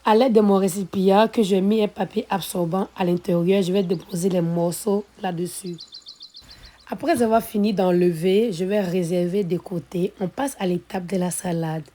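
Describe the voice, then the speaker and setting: Calm, mellow-voiced woman narrating a recipe. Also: on the low side, moderate pace. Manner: calm, methodical, repeats set phrases. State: slightly hoarse from illness. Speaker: cooking channel host.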